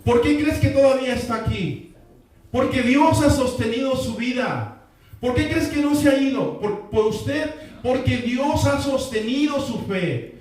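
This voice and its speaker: A man's voice: very high-pitched, expressive, a little slow, a little mellow. A male pastor preaching a sermon, repeating his key lines and calling on the congregation to answer. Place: church sanctuary. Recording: echoey hall, voice from far off the mic.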